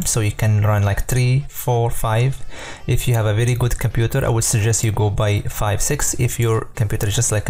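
Here a software tutorial presenter with a mellow, fairly low voice talks viewers through a program in a casual screen recording. He keeps it informal, often using fillers and correcting himself.

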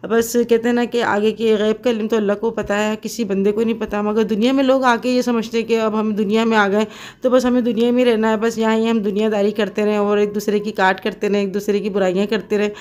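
A woman's voice: medium pitch, a little mellow. A middle-aged woman from Pakistan talking casually to her viewers in a home kitchen while cooking, chatty and devout, with many fillers. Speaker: cooking vlogger.

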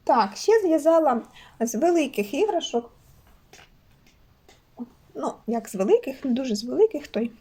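A woman's voice: high voice, dark tone. A cheerful, chatty woman from Ukraine showing her crocheted toys in a casual vlog. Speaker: crochet toy maker vlogger. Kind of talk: casual show-and-tell chat.

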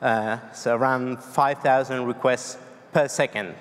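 A man in his thirties from Argentina, speaking with a Spanish accent, delivers a tech conference talk at a medium pitch in a steady, slightly slow voice. Fillers and restarts pepper his loose, hesitant speech. He is on stage in a large, dark hall, and long reverb fills the recording.

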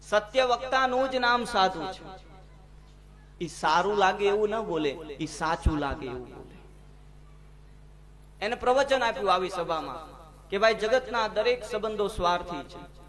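High-voiced folksy katha preacher. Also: male voice, lively intonation. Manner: folksy, narrates with quoted dialogue, slow emphatic lines. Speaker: katha storyteller. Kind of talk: devotional sermon with storytelling. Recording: live gathering with audience audible behind.

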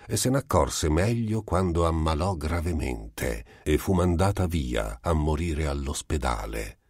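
A man reading a literary audiobook with measured, expressive phrasing. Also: rumbling low, dry recording, studio quality. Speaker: audiobook narrator.

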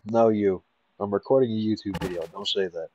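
Low-voiced young man gaming. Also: fairly even intonation, fairly quick, darkish tone, dull audio. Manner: crude, joking banter. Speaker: gaming YouTuber. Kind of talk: casual gaming chat.

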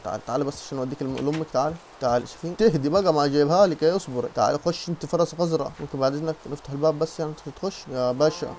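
A young man with an Egyptian Arabic accent, chatting excitedly through a game playthrough as a channel host, coaxing the animals and talking to viewers. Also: a little high, a little hiss or hum. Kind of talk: Minecraft let's-play commentary.

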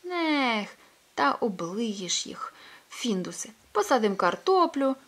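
A woman's voice: fairly high pitch, big pitch swings, slow, voice pushed up, full character voice. A woman voicing a kindly old farmer in a children's storybook, talking in a fussy, coaxing, grandfatherly way. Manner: fussy, coaxing, scolding at times.

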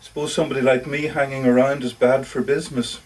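This clip, recorded at a live reading in a bookshop, has a man reading a first-person short story monologue as a lonely, socially awkward older lodger. He confides in a hesitant, defensive way and keeps correcting himself, and the mood is rejected and wistful. His natural, medium-pitched voice is flat and fast, picked up by a distant mic in a low-quality recording.

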